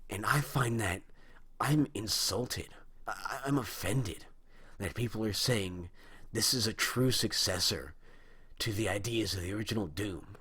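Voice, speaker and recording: In a measured, fairly low voice with a sharp, slightly rough tone, a young man of about twenty-one or so vents his opinions on video games as a video host. He rambles and restarts often, sounding indignant, and his throat comes across as dry and strained.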